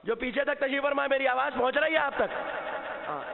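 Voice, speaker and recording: A Shia cleric delivers an impassioned majlis sermon to a seated gathering in a mosque or hall, putting questions to his listeners, answering them himself, and shouting at key moments. His voice is very high-pitched, steady and creaky, with a crowd audible behind him. The recording has long reverb and a tinny, phone-like quality.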